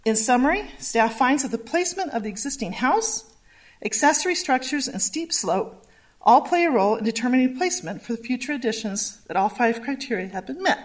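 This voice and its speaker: A woman with a fairly high voice walks a public hearing through a zoning staff report. She speaks in a measured way and reads steadily from her slides. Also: very animated. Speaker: planning staff presenter. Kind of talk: formal public hearing presentation.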